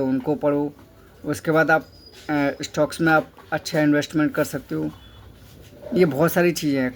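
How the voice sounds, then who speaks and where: A man's voice: fairly high pitch, slight background noise. Man giving earnest motivational advice. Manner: instructive, asks himself questions and answers them; repeats key phrases for emphasis. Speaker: motivational speaker.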